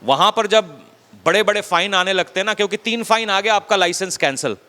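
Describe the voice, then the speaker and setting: A man preaching a sermon as a pastor, talking conversationally and dropping his voice low to stress a point. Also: fairly quick, bright, forceful tone, long reverb tail. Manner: conversational preaching, acts out quotes, drops low for emphasis. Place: church hall.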